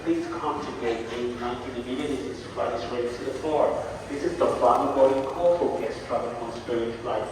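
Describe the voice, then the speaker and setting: A man's voice comes through an airport loudspeaker and rings around a huge terminal hall, picked up from far off. He makes a formal boarding call in a steady, repetitive way over a clear wash of background noise. His voice sits at an ordinary pitch. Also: brisk. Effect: airport public address loudspeaker. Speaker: airport gate announcer. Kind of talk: public address announcement. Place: large indoor airport terminal.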